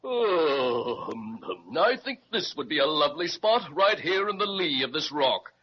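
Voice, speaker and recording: An actor voicing a polite, easily flustered patchwork quilt dragon with a breathy voice in an old radio serial. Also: male voice, on the high side, big pitch swings, a little slow, full character voice. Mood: genteel. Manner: genteel, flustered. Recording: muffled 1930s radio transcription.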